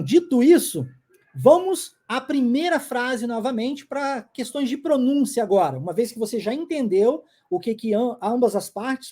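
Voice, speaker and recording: An English teacher and language school founder in his forties, speaking with a Brazilian Portuguese accent, gives an insistent, emphatic video lesson, drilling English phrases through repetition. His voice is extremely high-pitched yet dark in tone.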